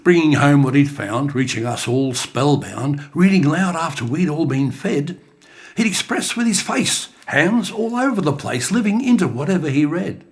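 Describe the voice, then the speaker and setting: Gravelly older poet, lively delivery. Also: male voice, a little high, normal speed. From Australia. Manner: expressive, dramatic recitation. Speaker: bush poet. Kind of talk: recited performance poetry. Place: creative studio.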